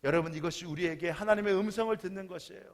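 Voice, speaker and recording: A male pastor delivers a Sunday sermon in a church sanctuary. His voice sits fairly high for a man, and he preaches in a relaxed, conversational, storytelling manner. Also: racing.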